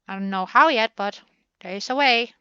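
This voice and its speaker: A woman's voice: fairly high pitch, normal speed, sharp tone, clear, resonant tone, dry recording, lo-fi sound. A woman hosting a gaming channel, chatting through a building session in a playful way and talking to the game pieces as she works.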